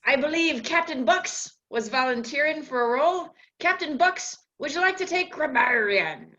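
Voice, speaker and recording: A woman's voice: high-pitched, lively intonation, moderate pace, bright, forceful tone. A woman playfully mixing pirate talk into plain speech at a club meeting, over dull lo-fi video call audio.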